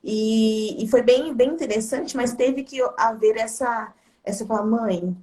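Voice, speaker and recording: A Brazilian woman who works at a school, hosting a casual chat and telling a story in a relaxed way. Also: fairly high pitch, unhurried. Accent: Brazilian Portuguese. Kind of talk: casual conversation.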